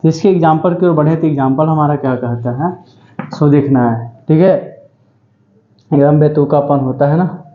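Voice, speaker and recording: A man's voice: on the high side, moderate pace. Hindi-speaking man teaching exam vocabulary. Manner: repetitive, drilling each word with "ठीक है" and self-questions. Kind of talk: exam-prep vocabulary lecture. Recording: roomy, dull lo-fi sound.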